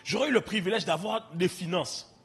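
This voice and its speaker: A man's voice: sits high, normal speed, husky, faint music behind. A young man with a French Caribbean accent, preaching a sermon and telling his own story directly to the congregation in a conversational way. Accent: French Caribbean (Antillean). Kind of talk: sermon with personal testimony.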